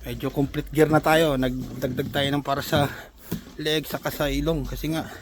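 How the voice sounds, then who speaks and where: A man's voice: fairly high pitch, level tone, moderate pace, noisy background. An older man, narrating a casual vlog while he shovels snow outdoors. He is out of breath and laughs often between phrases. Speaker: vlogger.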